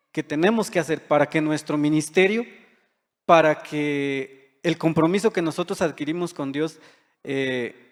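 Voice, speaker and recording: Man, sermon, fairly high voice, earnest and conversational, long church reverb. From Guatemala. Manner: earnest, conversational preaching with rhetorical questions. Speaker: church brother preaching. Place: church hall.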